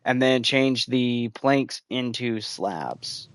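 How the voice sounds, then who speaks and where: A male American gaming streamer talks casually with viewers as he plays, rambling along in a very slow, smooth, medium-pitched voice. There's no echo on the recording.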